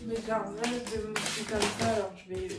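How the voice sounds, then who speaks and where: A woman's voice: medium pitch, level tone, fairly quick. A young woman chatting casually at home in a vlog, upbeat and full of fillers. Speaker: vlogger. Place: home rooms, indoors. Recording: loud background music.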